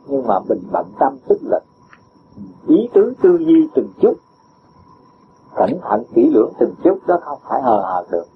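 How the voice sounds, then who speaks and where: His pitch is medium but swoops wildly, and he speaks at normal speed. This male Buddhist teacher gives a patient dharma talk answering a disciple, full of homely examples and frequent chuckles, on a dull lo-fi recording with faint hiss.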